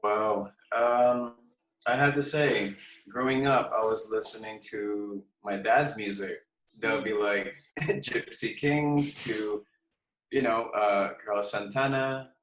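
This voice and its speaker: A man from Hong Kong, a guest musician chatting casually in an interview, relaxed and hesitant with many pauses and fillers. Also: on the low side, a little hiss or hum. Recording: echoey room, far from mic.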